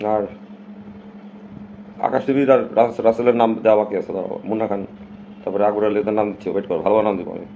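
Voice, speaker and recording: A man's voice: fairly low pitch, steady tone, fast talker, pauses often, dark tone, dull audio, a little hiss or hum. A man from Bangladesh, talking casually and emphatically to his viewers on a live stream and slipping English phrases in.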